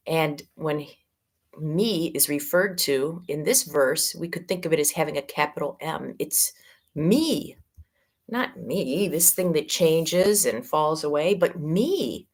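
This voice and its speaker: A middle-aged woman with a Midwestern American accent, giving a spiritual teaching talk as a yoga teacher in a gentle, unhurried way that draws out key words. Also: low-pitched, expressive.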